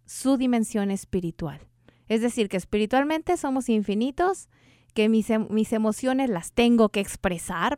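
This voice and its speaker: A woman's voice: on the high side, darkish tone, no echo, studio quality. A woman hosting a radio show on energy healing, talking earnestly and putting questions to the listener in a preachy way. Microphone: studio microphone.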